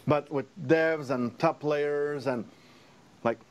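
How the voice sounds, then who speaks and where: A man's voice: fairly high pitch, takes it slowly. A man in his thirties, a game developer, chatting casually on a livestream and telling stories with a lot of laughter. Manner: rambling, laughing storyteller.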